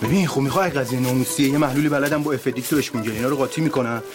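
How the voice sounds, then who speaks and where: An actor playing a shady, eager helper who offers up a dangerous scheme in a comedy-drama series. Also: male voice, mid-range voice, lightly acted. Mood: conspiratorial. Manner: conspiratorial, eager. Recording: music underneath.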